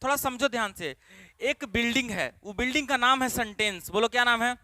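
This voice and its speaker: A man teaching an English grammar class in Hindi, repeating questions to drill his students and stretching key words slowly. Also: very high voice, bright, forceful tone.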